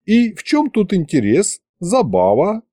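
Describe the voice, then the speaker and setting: A man doing a high, courteous horned archivist. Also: wildly swooping pitch, dark tone, no room sound, full character voice. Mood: polite reasoning. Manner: courteous, measured. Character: polite horned male archivist, reasoning.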